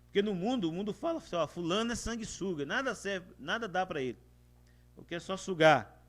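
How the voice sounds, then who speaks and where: A man with a Brazilian Portuguese accent preaching a sermon, calling his listeners "amados" and swinging widely between loud and soft. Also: a little fast. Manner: addresses listeners as "amados", animated with big swings of pitch and volume.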